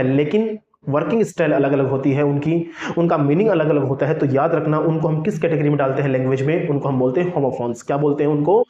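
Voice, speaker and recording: Man, Hindi accent, English teacher, slightly high voice, echoey lo-fi room. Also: mellow. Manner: repeats questions and answers them himself. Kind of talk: classroom lesson. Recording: echoey, dull lo-fi room sound.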